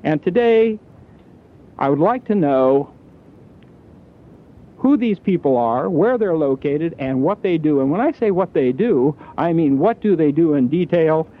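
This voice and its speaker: A genial radio host with a fairly high voice runs his call-in show in an easy, chatty manner, dropping in frequent fillers as he talks. His broadcast comes through thin and tinny, like an old phone line. It has the sound of a small station studio. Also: lively intonation, measured pace. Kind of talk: on-air call-in radio giveaway patter.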